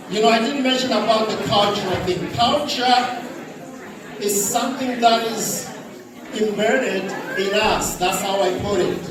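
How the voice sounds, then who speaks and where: Zambian man, forties, slow and chatty, jokes with the audience, very high voice, distant mic in a big echoing hall. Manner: chatty and humorous, leads audience call-and-response. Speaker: guest speaker. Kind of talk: public talk to an audience. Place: large indoor hall. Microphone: handheld mic. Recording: echoey hall from far off with crowd and noise.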